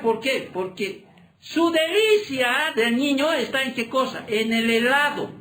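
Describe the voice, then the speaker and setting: A pastor's very high-pitched, fairly bright voice echoes through a church hall during his sermon. He keeps pushing the congregation with one rhetorical question after another.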